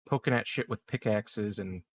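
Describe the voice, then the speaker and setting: This roleplaying player, a man whose voice sits on the low side, improvises dialogue in character. His phrasing comes out measured and halting.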